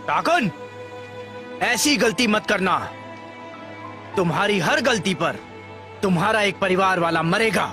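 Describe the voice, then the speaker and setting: A man's voice: sits high, expressive, unhurried, pauses often, music in the background. A man voicing a ruthless male warlord who makes cold, menacing threats in a film dub.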